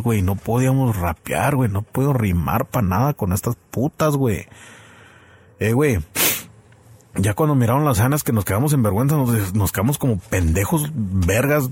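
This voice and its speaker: A man's voice: mid-range voice, a little mellow, breathy edge. A man telling a crude, slang-heavy story as a podcast host. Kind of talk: casual storytelling chat.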